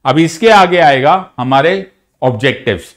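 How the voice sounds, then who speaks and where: A man with an Indian accent teaches an online exam-prep lecture, mixing Hindi and English and asking questions he then answers himself. He addresses students frankly, first scolding and then encouraging them. His mid-range voice is expressive and his pace moderate.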